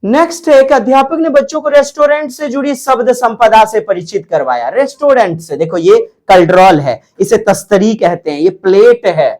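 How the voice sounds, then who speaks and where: A man's voice: sits high, expressive, normal speed, hardly any pauses, a little mellow. A male teacher giving an exam-prep lecture, drawing out words and repeating key terms.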